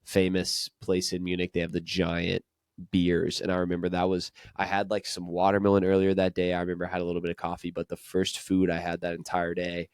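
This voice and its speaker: Male podcast host with a very deep, even voice, casual and chatty, dry booth sound. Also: a little fast, clear, resonant tone, dry recording. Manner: relaxed, chatty, laughs often. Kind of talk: casual travel storytelling.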